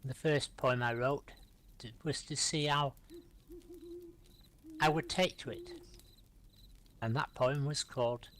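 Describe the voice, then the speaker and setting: Speaking slowly and pausing often at medium pitch, a middle-aged man recites his own rhyming poems while hosting a live-streamed poetry reading. Between poems he calmly invites the next reader.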